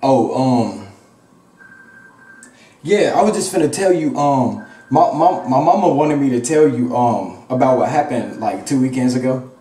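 A man's voice: medium pitch, lively intonation, unhurried, dark tone, roomy sound, far from the mic. A young man making a prank phone call, hesitant and stammering, repeating himself as he talks.

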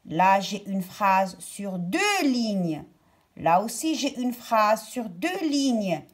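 Slow, lively-pitched woman teacher. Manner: slow, careful, over-articulated explanation. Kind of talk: grammar lesson for children.

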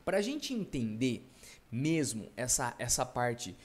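A man's voice: mid-range voice, sing-song, slow pace. A male teacher giving an online video lesson, chatty and playful, talking straight to the viewer.

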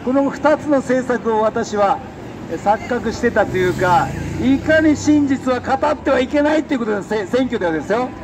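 High-pitched man speechifying on noisy street. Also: animated, normal speed. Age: middle-aged. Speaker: defeated election candidate, street speaker. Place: outdoors beside a busy city road. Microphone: handheld microphone held close. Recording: noisy city street with traffic.

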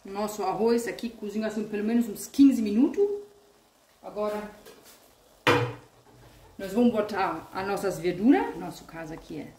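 A vegan cooking channel host with a warm, mid-range voice speaks at a moderate pace and pauses often, walking through a recipe step by step in her kitchen. The casual tutorial feels chatty and homey, with diminutives and fillers, while the audio is reverberant with a little hiss or hum.

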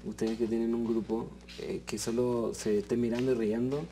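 A young Mexican man in casual chat, earnest and given to long explanations with restarts. His voice is dark and mellow, with a faint hum behind it. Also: medium pitch, flat delivery, moderate pace. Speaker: reality show contestant. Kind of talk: casual chat among housemates.

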